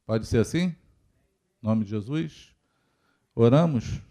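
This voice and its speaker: A Brazilian man preaching to his congregation in church. His voice sits in an ordinary middle register. He talks in a relaxed, conversational way, with frequent questions aimed at the listeners. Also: mid-range voice, slow. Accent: Brazilian Portuguese. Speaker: pastor. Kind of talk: sermon.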